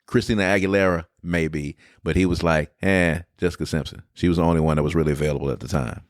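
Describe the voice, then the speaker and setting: Low-voiced man, blunt podcast co-host. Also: quick pace, dry recording, studio quality. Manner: animated, blunt opinions with profanity. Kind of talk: casual chat.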